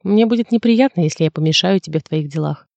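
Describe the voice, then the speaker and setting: A man voicing a gentle, caring young woman in an audiobook reading. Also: fairly high pitch, quick pace, gravelly, no room sound, lo-fi sound. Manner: soft and considerate.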